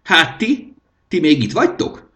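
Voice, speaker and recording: A man voicing a shrill, tyrannical king of lost things in a storybook reading, with a screeching high voice. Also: wildly swooping pitch, pushed and bright, heavily acted. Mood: domineering.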